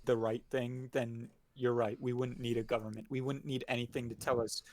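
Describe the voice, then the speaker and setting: A man's voice: mid-range voice, flat delivery, a little fast, darkish tone, slight background noise. Man in loose casual chat. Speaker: guest. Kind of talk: casual discussion.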